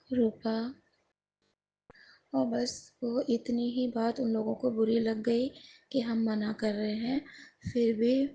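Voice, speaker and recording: Distressed middle-aged woman, high soft voice. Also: rough recording. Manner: earnest, distressed, retelling phone calls. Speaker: devotee sharing a personal story. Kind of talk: emotional personal account to a congregation.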